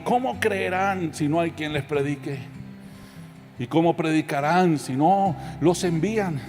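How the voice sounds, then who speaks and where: A man from Colombia preaching a sermon as pastor, impassioned and building to shouted crescendos. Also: fairly high pitch. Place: large church. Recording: church hall reverb with music behind.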